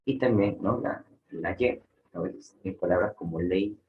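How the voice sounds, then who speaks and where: A man with a Peruvian Spanish accent teaching a language class, checking in with students often and filling pauses with "este". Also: sits low, phone-quality sound. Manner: explains with frequent checks like "¿no?" and fillers "este". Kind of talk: online class lecture.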